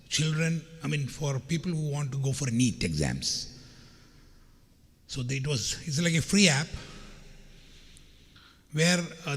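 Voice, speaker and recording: A scratchy-voiced, middle-aged keynote speaker from India motivates his audience with a chatty, joking talk, weaving in anecdotes and addressing listeners directly. His voice has a medium pitch and a fairly bright tone, and the recording carries long hall reverb and faint background noise.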